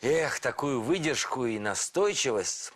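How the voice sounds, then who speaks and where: A man voicing a friendly, reasonable mentor in a children's cartoon, speaking in a gently instructive way. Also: medium pitch, animated, a little slow. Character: friendly, reasonable male mentor called Lyosha.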